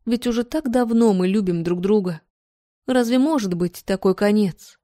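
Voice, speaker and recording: A desperate aging countess begs for the truth in a soft, tearful voice, as a woman reader puts her on. The tone is dark and mellow, and the sound is dry and close. She speaks slowly and sorrowfully, as in a spoken storybook. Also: mid-range voice, no echo, natural voice. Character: aging countess, pleading, heartbroken, desperate in love.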